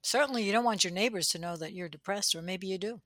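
A woman's voice: mid-range voice, fast, fairly bright tone, no room sound. A woman co-hosting a casual talk, curious and conversational, raising questions. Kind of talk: casual discussion.

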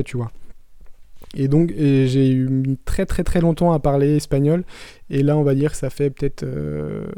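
A podcast host talks to his listeners in a frank, easygoing way. His voice is very dark and smooth, with a fairly flat melody. The recording is dry and close, with no room sound. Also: mid-range voice, no room sound. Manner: frank, conversational, addresses the listener directly. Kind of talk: casual podcast monologue.

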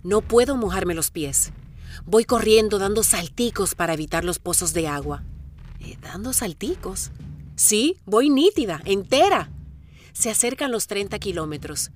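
A middle-aged woman narrates her marathon in the first person, with reflective inner-monologue narration and sudden bursts of excitement. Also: mid-range voice, moderate pace, soft background music.

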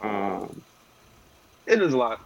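A man chatting casually as a chef, slangy and halting, with frequent swearing. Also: fairly low pitch, very animated, creaky. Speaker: chef making cooking videos. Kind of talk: casual podcast-style chat. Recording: dull audio amid loud crowd chatter.

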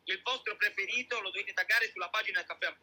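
A man's voice: high voice, fast talker, pushed and bright, husky. A man, casually hosting a live show on a voice-chat app. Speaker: host of a live audio show.

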